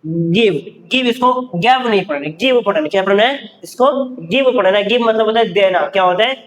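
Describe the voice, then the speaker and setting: A man's voice: high voice, brisk, fairly bright tone, big-room sound, poor audio. A male teacher giving a vocabulary lesson, repeating each word and quizzing his students. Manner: repetitive, drills words and asks the class questions. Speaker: English teacher. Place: standing at a board in a classroom.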